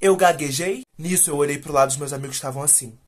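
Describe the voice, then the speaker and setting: A man's voice: on the high side, fairly even intonation, very fast. A young Brazilian man telling a comic personal story, self-mocking and exaggerated.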